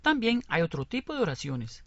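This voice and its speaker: A co-presenter of a scripted radio lesson, explaining examples in a lively way. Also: mid-range voice, brisk, dry recording. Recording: dull lo-fi recording.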